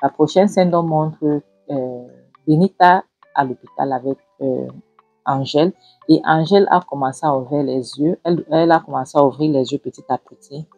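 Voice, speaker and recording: A woman recaps scenes from a series in a casual retelling, pausing with fillers as she goes. Her voice is low and husky, recorded dry and close, with faint music underneath. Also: darkish tone, dry recording, low-quality recording. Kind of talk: movie recap narration.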